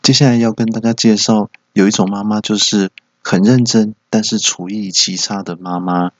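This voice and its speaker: A man's voice: lowish voice, fairly even intonation, normal speed, no echo. A man hosting a solo comedy podcast, telling playful stories. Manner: playful storytelling. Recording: dull, dry lo-fi home recording.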